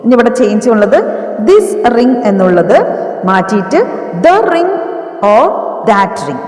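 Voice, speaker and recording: Woman grammar teacher, unhurried and animated, heard from across a reverberant room. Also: mid-range voice. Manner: mixes Malayalam explanation with slow, spelled-out English dictation. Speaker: English teacher. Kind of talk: grammar lesson, dictating example sentences slowly. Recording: echoey room, voice from a distance.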